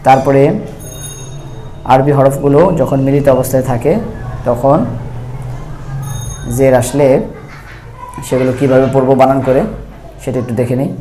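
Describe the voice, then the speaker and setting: A man teaching Quran reading with a Bangladeshi Bengali accent, spelling out Arabic letters one by one in a slow, patient, repetitive way. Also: medium pitch, little pitch movement, mellow, faint music behind. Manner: patient, spells letters slowly and repeats them. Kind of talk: slow step-by-step recitation lesson.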